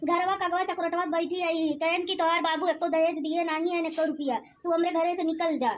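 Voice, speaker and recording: A performer doing a squeaky pleading young wife. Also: level tone, fairly quick, slight background noise. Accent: Awadhi. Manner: pleading, tearful. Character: meek young daughter-in-law turned out of her home. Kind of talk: cartoon comedy voice acting.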